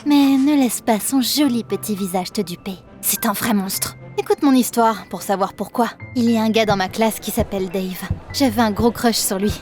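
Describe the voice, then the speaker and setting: A woman narrating an animated first-person story in a lively, expressive, dramatic manner. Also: mid-range voice, normal speed, soft background music.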